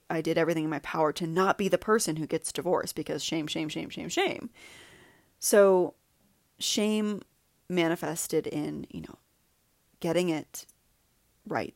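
Speaking in a low, creaky voice, a woman in her thirties opens up on her podcast in a reflective monologue. She's candid and confessional, with laughs and repetitions, and the sound is dry and studio-clean.

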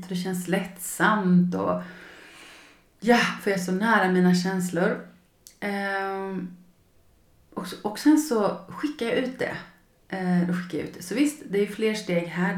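A woman's voice: fairly low pitch, reverberant. A woman hosting a personal podcast as a coach, speaking emotionally and acting out her past feelings as she tells a story.

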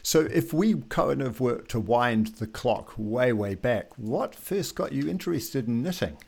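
A man's voice: medium pitch, animated, measured pace, creaky, darkish tone. A man hosting a podcast, reading a scripted introduction, then interviewing a guest in an easy, conversational way. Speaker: podcast host.

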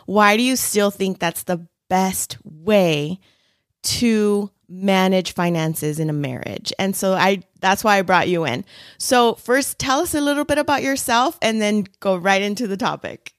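A woman hosting an interview podcast, asking measured, friendly questions. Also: mid-range voice, no room sound, studio quality. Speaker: podcast host.

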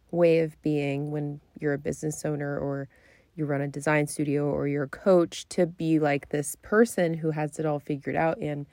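A woman's voice: lowish voice, darkish tone, no room sound. A woman hosting a podcast alone in a casual, candid, conversational way, recorded in a small closet. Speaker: podcast host. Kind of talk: casual solo podcast talk. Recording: dry, close closet sound.

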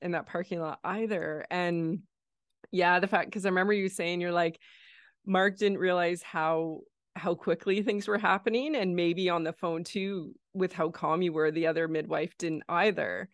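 A woman with a lowish, gravelly voice hosts an interview, affirming her guest and recapping what she heard. The recording is dry and close, with no room sound. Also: fairly even intonation, moderate pace, dry recording. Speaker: podcast host. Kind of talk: podcast interview.

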